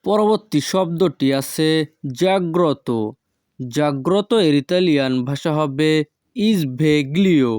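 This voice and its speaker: A man teaching vocabulary as a slow, patterned drill, repeating each foreign word carefully and drawing it out syllable by syllable. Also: a little high, darkish tone, no room sound, studio quality. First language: Bengali. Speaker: language teacher.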